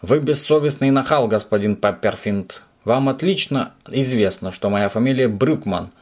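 A man voicing an angry middle-aged landlady who scolds and shouts through a door. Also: mid-range voice, normal speed, natural voice. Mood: furious.

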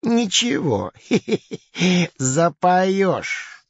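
A man's voice: high voice, very animated, drawn-out words, creaky, breathy edge, no room sound, heavily acted. An actor playing a smug, greedy male crocodile in a children's audio play, sly and chuckling. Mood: smug teasing. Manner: sly, chuckling, lazy drawl. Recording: slightly dull recording.

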